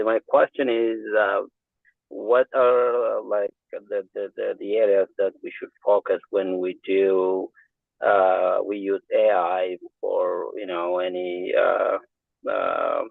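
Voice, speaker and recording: A man driving while calling into an online meeting from his car, asking a question haltingly with many fillers. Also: low voice, flat delivery, vocal fry, no echo. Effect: calling in from a car on a speakerphone. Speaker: doctor in a research meeting. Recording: tinny phone line, dry.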